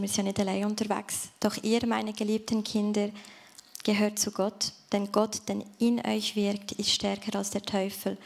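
A woman's voice: medium pitch, creaky. A woman giving an earnest sermon in a church service, speaking directly to the listener and ending in prayer. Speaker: preacher.

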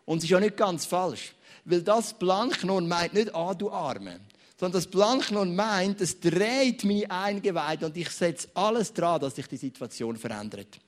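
A young man with a Swiss German accent preaching a sermon in church, telling stories with big swings between loud and quiet. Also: a little slow. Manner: animated, storytelling, wide swings in pitch and loudness.

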